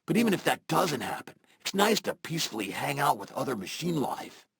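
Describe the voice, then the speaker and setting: A man's voice: fairly high pitch, big pitch swings, fairly quick, creaky, a bit bright, a little hiss or hum, heavily acted. A man voicing a laid-back, friendly male robot in a video game, with a robotic filter on his voice and a casual, slangy way of talking. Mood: mellow.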